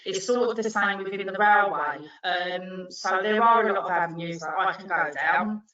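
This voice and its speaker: Woman driving instructor, bright tense voice, hesitant with lots of ums; lo-fi distant echoey audio. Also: medium pitch, moderate pace. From Wales. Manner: hesitant, many ums and restarts. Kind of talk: interview answers on a video call.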